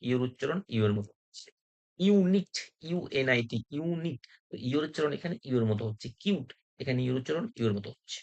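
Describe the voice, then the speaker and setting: A man's voice: medium pitch, expressive, very fast, darkish tone, dull audio. A man teaching English pronunciation, explaining step by step and asking rhetorical questions as he goes. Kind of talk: spoken English lesson.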